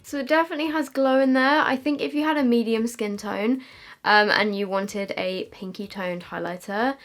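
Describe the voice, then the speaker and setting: A young British beauty vlogger reviews makeup to camera in a small decorated room, chatting casually and self-deprecatingly. Her voice is on the high side with a slight lisp from a retainer, at a moderate pace over soft background music.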